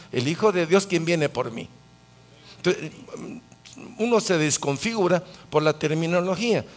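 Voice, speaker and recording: Male preacher, a touch high, lively and questioning in his Bible teaching. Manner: asks the audience questions, lively.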